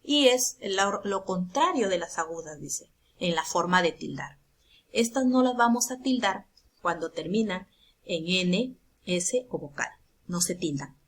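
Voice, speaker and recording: A woman's voice: lowish voice, animated, unhurried, breathy edge. A woman with a Peruvian Spanish accent, a primary school teacher explaining a grammar lesson to children patiently and checking in with the class often.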